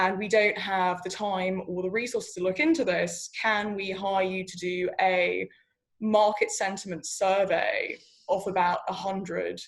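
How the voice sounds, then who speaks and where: A woman's voice: medium pitch, gravelly. A woman startup founder giving candid, chatty interview answers, full of fillers.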